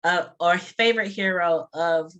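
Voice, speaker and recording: A woman hosting a casual interview, playful and quick to laugh, repeating lines for emphasis. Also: on the low side, fairly bright tone, muffled recording. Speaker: host.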